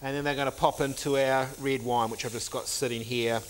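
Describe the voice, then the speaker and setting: A middle-aged man walks through a recipe as a cooking instructor, speaking in a steady, even explaining voice while he works. His pitch sits in an ordinary middle range. He is recorded on a lapel mic in an indoor teaching kitchen, with faint noise underneath. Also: brisk. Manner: steady step-by-step explaining while working, with filler ums. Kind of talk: cooking demonstration.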